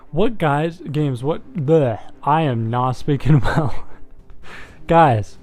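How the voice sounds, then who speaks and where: A man's voice: a little high, slow pace, a little mellow. A young man hosting a live-streamed board game, chatting with his viewers in a joking, rambling way with plenty of fillers. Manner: chatty, joking, talks to chat, many fillers. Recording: music faintly behind the voice.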